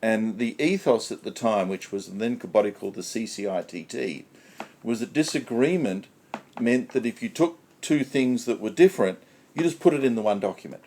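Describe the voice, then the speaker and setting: A man's voice: on the low side, animated, moderate pace, a little mellow, a little hiss or hum. A man on a conference panel explaining technical history step by step, repeating key points for emphasis.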